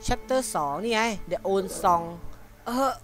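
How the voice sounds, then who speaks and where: A man doing let's play commentary on a horror game, jumpy and excitable, swearing often. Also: high voice, drawn-out words, music in the background. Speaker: gamer.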